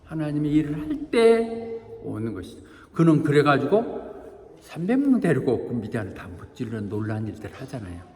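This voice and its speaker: Male pastor, animated conversational sermon, long church-hall reverb. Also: mid-range voice, brisk. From Korea. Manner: lively, chatty preaching with asides to the congregation and playful acted quotes.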